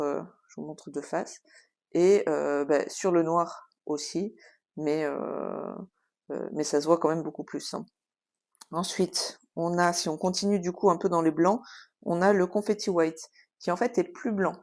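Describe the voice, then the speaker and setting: A woman's voice: fairly low pitch, fairly even intonation, a little slow, a little mellow. A woman hosting a casual craft tutorial, explaining at an easy pace with frequent hesitations and filler sounds. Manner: chatty, explanatory.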